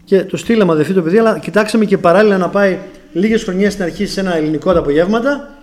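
A middle-aged Greek man from Greece, high-pitched, preaches a testimony sermon. He tells a story and frequently calls out to the brothers.

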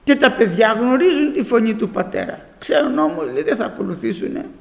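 Man, sermon, high pitch, fervent, reverberant hall. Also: very animated, vocal fry. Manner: fervent, rising to exclamations. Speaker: preacher.

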